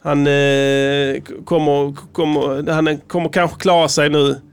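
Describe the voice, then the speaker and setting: A man's voice: on the high side, little pitch movement, clear, resonant tone. A man hosting a casual podcast, talking in a rambling, profane way with frequent restarts. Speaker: podcast host.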